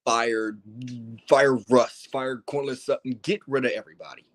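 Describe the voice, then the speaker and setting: A man's voice: medium pitch, steady tone, normal speed, a bit bright. Man ranting hotly on a podcast. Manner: heated, exasperated ranting with swearing and teasing. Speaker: podcast host. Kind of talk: casual sports podcast rant.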